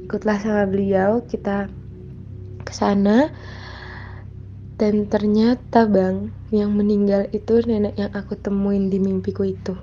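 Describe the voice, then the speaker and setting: A woman's voice: mid-range voice, level tone, unhurried, pauses often, mellow, faint music behind. A young woman guest telling her own experiences in casual, chatty storytelling, with lots of fillers and self-corrections. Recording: dull, lo-fi sound with faint noise.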